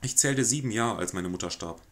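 A sly male lodger, played by a man reading a play aloud talks in a wheedling, mock-humble way. His voice moves with lively pitch as he pities himself. It is a plain male voice under the act. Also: a little fast. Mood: self-pitying. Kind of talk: audiobook reading of a stage play.

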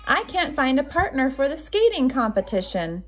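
A woman voicing a young girl skater, eager and fretful, in a high girlish voice while reading a storybook aloud. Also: sing-song, moderate pace, a bit bright.

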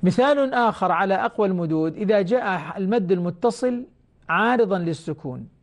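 A man teaching Quran recitation rules on a television program, explaining each rule and then chanting short example verses slowly, calling the listeners his brothers. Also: high-pitched, lively intonation. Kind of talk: televised tajweed lesson. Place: TV studio.

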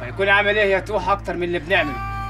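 A man's voice: high-pitched, very fast, music in the background, close to an everyday voice. An actor with an Egyptian accent playing a scornful young man who jilts his lover. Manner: scornful, dismissive.

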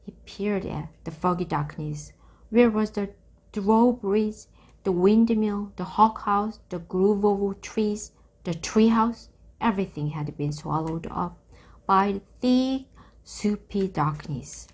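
A woman reading a children's book aloud, slowly and carefully for learners. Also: medium pitch, darkish tone, slightly rough. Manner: slow, careful storytelling for learners. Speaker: reader.

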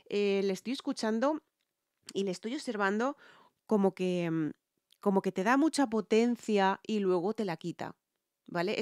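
A woman's voice: medium pitch, darkish tone, no echo, clean studio sound. Chatty Spanish woman breaking down vocals. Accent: Spain Spanish. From Spain. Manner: chatty, analytical, often checks in with viewers. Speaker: singer reacting to a song. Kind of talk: song reaction and vocal analysis.

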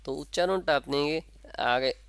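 A man's voice: a little high, unhurried, a bit bright, clean tone, no echo. A man teaching Quran reading, explaining patiently and demonstrating each sound. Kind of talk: casual spoken lesson.

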